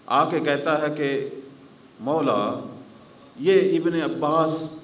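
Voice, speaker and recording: Man preaching dramatically in an echoey hall. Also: fairly high pitch. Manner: dramatic storytelling, swinging between raised declamation and hushed grief. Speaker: Shia religious scholar giving a majlis sermon. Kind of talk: mourning-gathering sermon. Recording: roomy hall echo.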